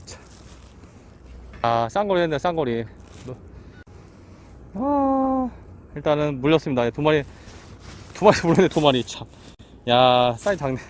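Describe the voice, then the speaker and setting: A man's voice: a little high, sing-song, a little slow, pauses often, slight background noise. A man hosting his own fishing vlog outdoors by the sea, exclaiming and repeating words as he reels in fish. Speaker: fishing channel host. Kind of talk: excited fishing vlog commentary. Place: seaside harbor outdoors. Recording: loud background music.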